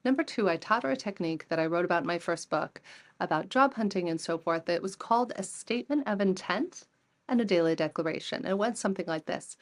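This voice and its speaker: Lively woman in her forties telling stories. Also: fairly low pitch, fast. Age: 40s. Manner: lively storyteller who acts out quoted dialogue. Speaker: podcast guest, entrepreneur and coach. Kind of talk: conversational interview storytelling.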